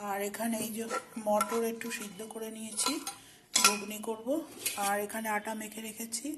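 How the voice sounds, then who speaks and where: A woman's voice: fairly high pitch, noisy background. A woman with a sore throat, chatting homely in a casual cooking vlog from her home kitchen, explaining each step. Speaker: vlogger.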